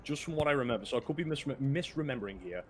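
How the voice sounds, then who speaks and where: A man's voice: mid-range voice, animated, rapid-fire, a little hiss or hum. A man running a tabletop game over voice chat, hesitant and full of restarts. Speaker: dungeon master.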